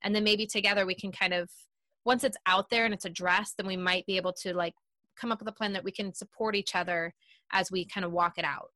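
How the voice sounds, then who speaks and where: A woman's voice: mid-range voice, fairly even intonation, quick pace, pushed and bright, no echo. A woman hosting an interview, thinking aloud with many small fillers. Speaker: host. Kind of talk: casual interview.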